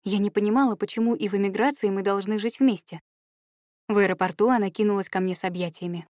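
A woman's voice: medium pitch, steady tone, quick pace, darkish tone, no echo, clean studio sound. Young woman reading her memoir. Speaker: narrator.

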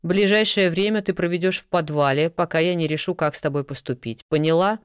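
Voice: mid-range voice, a little fast, smooth, no echo, clean studio sound, close to an everyday voice. A reader voicing a stern nobleman who questions and gives orders coldly. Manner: cold, commanding, interrogating. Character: stern commanding nobleman, a baron.

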